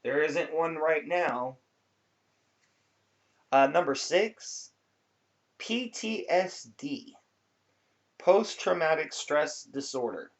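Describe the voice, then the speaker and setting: A man's voice: on the high side, animated, very slow, long pauses. A man talking casually to viewers as a vlogger, explaining things in a laid-back, rambling way. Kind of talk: casual informal talk to viewers. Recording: dull lo-fi sound.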